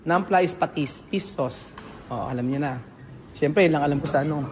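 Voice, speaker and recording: A man from the Philippines hosts a relaxed food vlog at a restaurant, tasting dishes at a shared meal while mixing Tagalog and English and laughing often. His pitch is fairly high, his speed normal, and his tone a little mellow. It sounds like a large hall with slight background noise.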